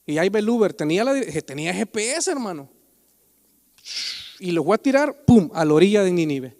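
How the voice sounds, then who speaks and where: A man's voice: high-pitched, very animated, a little fast, a little mellow. A man preaching a Sunday sermon in a church, joking and conversational, often calling out "brother" to his listeners. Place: church sanctuary during a Sunday service. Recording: long reverb of a church hall.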